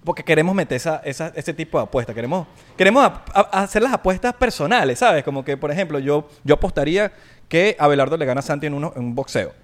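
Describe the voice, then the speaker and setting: A man's voice: a little high, expressive, fast talker. A man co-hosting a podcast, teasing his guest in casual chat. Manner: teasing, jokey. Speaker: podcast host.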